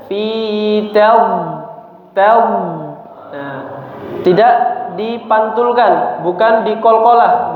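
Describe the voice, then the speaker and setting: A man teaching Quran recitation, explaining patiently and chanting verses slowly for a group to repeat, recorded in a mosque hall. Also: high voice. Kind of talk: tahsin lesson with call-and-repeat recitation. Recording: echoey mosque hall, distant mic, tinny phone-like sound.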